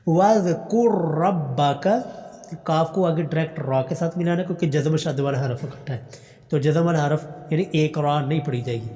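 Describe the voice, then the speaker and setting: A man teaching Quran recitation to adults, reciting each verse slowly in a drawn-out chant and then explaining pronunciation in quick, patient speech. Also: fairly high pitch, fairly even intonation, dark tone, long reverb tail. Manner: patient, repeats and corrects.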